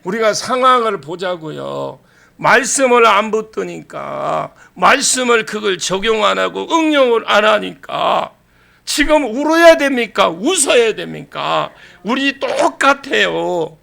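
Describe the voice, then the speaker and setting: High gravelly pastor preaching. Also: male voice, unhurried. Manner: animated, acts out scenes and shouts for emphasis. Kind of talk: sermon. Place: church sanctuary.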